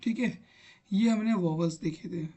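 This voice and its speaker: A man's voice: high voice, normal speed, dark tone. A man teaching an online grammar lesson, patiently repeating examples aloud as he types on screen. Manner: talks while typing on screen.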